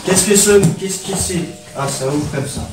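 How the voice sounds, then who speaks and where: A man's voice: sits high, normal speed, roomy sound, over music, poor audio. A young man casually unboxing gadgets for his viewers, talking in street slang and calling them brothers. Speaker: YouTuber.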